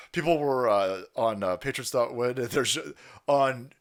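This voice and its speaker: A man hosting a livestream, giving profane, sarcastic commentary over clips. He swings between shouts and low mumbles. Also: unhurried. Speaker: livestream host.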